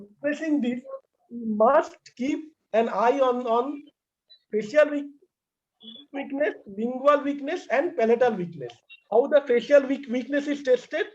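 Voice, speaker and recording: A man's voice: extremely high pitch, a little mellow. A man presents a medical lecture online, listing terms and repeating words as he goes. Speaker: doctor presenting at a medical class. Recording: dull lo-fi online call audio.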